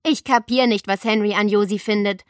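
A woman's voice: medium pitch, steady tone, fairly quick, dry recording, clean studio sound, lightly acted. A woman voicing an impatient, easily shocked schoolgirl.

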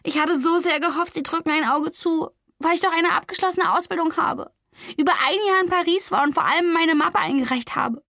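A woman voicing a young female artist who is anxious, tearful and despairing, her voice high and breaking. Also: brisk, pushed and bright, no room sound, studio quality, heavily acted.

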